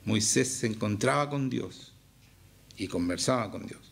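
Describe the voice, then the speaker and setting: A man's voice: fairly low pitch, measured pace, vocal fry, slightly rough. A man with a Chilean accent preaching a sermon as pastor, emphatic and often firing questions at the congregation. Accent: Chilean Spanish.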